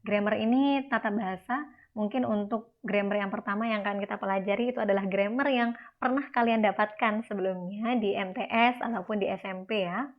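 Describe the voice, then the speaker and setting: A woman's voice: medium pitch, steady tone, brisk. A young woman teaching an English class, explaining slides in a chatty way with frequent tag fillers. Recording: dull lo-fi recording.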